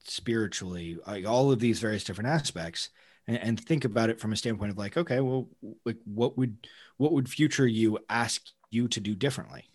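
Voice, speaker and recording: Man, lower pitch, podcast co-host, conversational, halting delivery, thinking aloud. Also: darkish tone.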